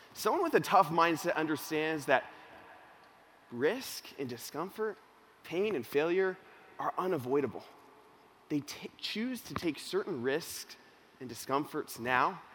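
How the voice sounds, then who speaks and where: A young man gives a motivational speech built around a personal story, swinging from loud excitement to hushed seriousness. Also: on the high side, a little hiss or hum. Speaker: youth organization speaker.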